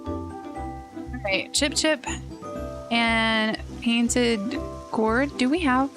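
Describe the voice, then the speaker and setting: A woman's voice: on the high side, extremely slow. A young woman streamer chatting casually and thinking aloud while playing a game. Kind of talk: casual let's play commentary. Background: game music.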